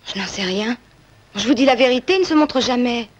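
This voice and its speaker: An actress playing a defiant, evasive young runaway daughter in a 1970s film drama. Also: female voice, a little high, expressive, brisk, lo-fi sound. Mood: confessing, earnest. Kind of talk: 1970s French-language film drama acting. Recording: faintly noisy old film soundtrack.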